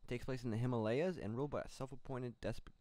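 A young man with a warm, mid-range voice talks fast as a co-host on a casual gaming news show recorded in a small home studio with no echo. Using a boom-arm studio mic, he rambles loosely through the stories, packing in lots of fillers.

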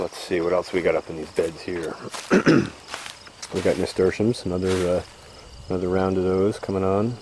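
A low, darkish voice guides a casual tour of a vegetable farm's fields, the farmer rambling easygoingly with frequent "uh" fillers. Recorded roughly on a handheld camera mic while he walks, the audio carries outdoor cricket and insect noise.

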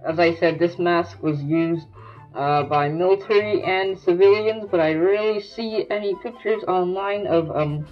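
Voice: medium pitch, moderate pace, highs cut off, faint music behind. A collector gives a casual show-and-tell review of their gear, talking loosely through a gas mask they are wearing. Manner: informal, loosely explaining as they go.

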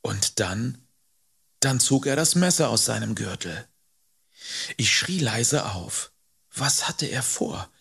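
A man narrating an audiobook in an expressive, measured storytelling manner. His voice is gravelly and husky, and it rises and falls with lively intonation at an unhurried, slow pace. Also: mid-range voice. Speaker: audiobook reader.

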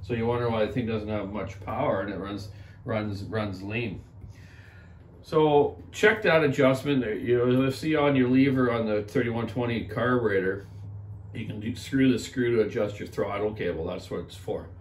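Folksy man rambling in an echoey workshop. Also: mid-range voice. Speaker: chainsaw repair shop owner. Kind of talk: casual workshop vlog. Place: small indoor repair workshop.

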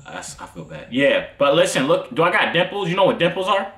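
Young American man, lively intonation, bright voice, casual teasing chat, echoey room. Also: on the high side, fast. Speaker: YouTuber host. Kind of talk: casual chat with strangers, asides to viewers. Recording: echoey room, faint noise.

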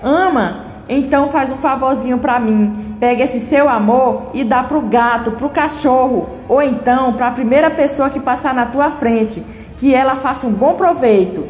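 A proud, furious jilted bride, read out by a woman, in a high voice. The lines come with mild emphasis from an echoey room with a long reverb tail. Faint music plays underneath. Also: normal speed, a little mellow, lightly acted. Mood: indignant.

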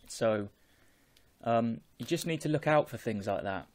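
A man, talking in a measured, explanatory way as a vlogger chatting casually on an earphone microphone at home. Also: medium pitch, lively intonation, a little mellow. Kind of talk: casual chat to camera. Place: small home room with bookshelves.

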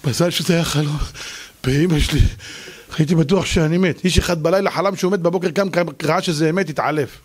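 A man, a rabbi, giving a lively Torah lecture, telling stories and acting out their characters. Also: a little high. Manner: animated storytelling, acting out characters.

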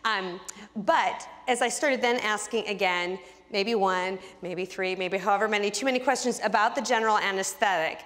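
A woman's voice: mid-range voice, moderate pace, fairly bright tone, long reverb tail. A woman teaching a Bible study who tells a personal story with animation and acts out the dialogue.

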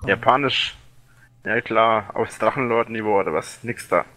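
A man's voice: on the low side, steady tone, normal speed, bright, forceful tone, rough recording. A young man on a voice call, speaking through a voice changer, dry and defensive. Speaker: guest in voice chat.

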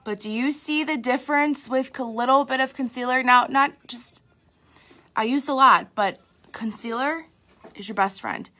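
A young woman talks through a makeup routine in a loose, candid way, full of "like" and "um." Her tone is bright and clear, but she sounds a little sleepy and tired. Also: high voice, moderate pace. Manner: chatty, candid, self-deprecating, lots of fillers. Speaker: makeup artist. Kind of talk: casual live makeup tutorial.

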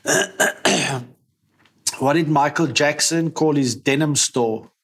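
A man's voice: on the high side, slow pace, fairly bright tone, a little hiss or hum. A man co-hosting a casual chat, telling bad jokes and breaking into laughter mid-joke. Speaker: podcast co-host.

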